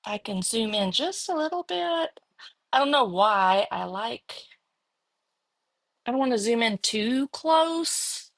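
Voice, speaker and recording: Slow, gravelly Texan woman crafting. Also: fairly high pitch, animated, dry recording. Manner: chatty, thinks aloud while working. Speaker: card-making instructor. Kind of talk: casual live crafting demo.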